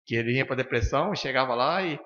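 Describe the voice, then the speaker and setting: Fast-talking man lecturing in a reverberant hall. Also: mid-range voice. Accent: Brazilian Portuguese, from Curitiba. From Brazil. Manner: animated, acts out dialogues with patients; blunt and firm, frequent "né?" tags. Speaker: spiritist study class teacher. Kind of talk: informal classroom lecture. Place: spiritist center lecture room. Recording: dull lo-fi sound with long hall reverb.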